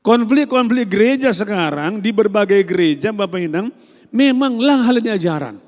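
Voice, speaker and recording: A man preaching a sermon, telling stories and acting out both sides of a conversation, swinging from loud outbursts to hushed asides. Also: sits high, lively intonation, moderate pace, long reverb tail. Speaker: pastor. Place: church.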